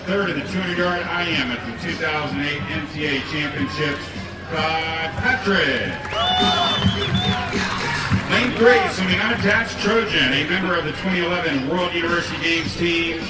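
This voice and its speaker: Booming, echoey male hype announcer. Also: animated, distant mic. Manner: rousing, drawn-out names. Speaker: arena swim meet announcer. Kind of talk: hype announcing, introducing finalists. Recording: booming echoey PA from afar, loud music and crowd. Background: loud music and cheering crowd.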